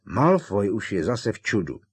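A puzzled teenage wizard boy who keeps pressing for sense. A man reads him low and breathy, sounding disbelieving in a storybook reading. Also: very animated.

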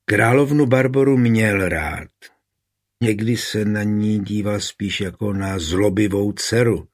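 A man narrating a historical novel as an audiobook in a calm, measured way. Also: fairly low pitch.

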